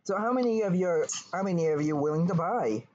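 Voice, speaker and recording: A man's voice: high voice, animated, fairly quick, darkish tone. A man runs the game over a voice call, explaining rules in a loose, rambling way and swearing freely. The audio is dull and lo-fi, with a faint hiss under it. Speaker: game master. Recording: dull lo-fi voice chat with faint noise.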